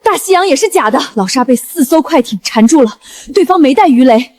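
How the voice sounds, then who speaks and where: An actress playing an urgent, quick-witted young woman on an ocean team, calling out enemy sightings like tactical reports in a screen drama. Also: sits high, animated, darkish tone. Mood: urgent, alert.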